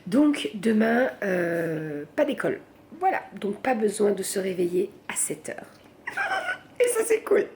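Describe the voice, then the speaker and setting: A woman's voice: medium pitch, wildly swooping pitch, slow, creaky, slight background noise. A woman vlogging late at night from home, chatting casually and rambling, saying voilà at the end of her sentences.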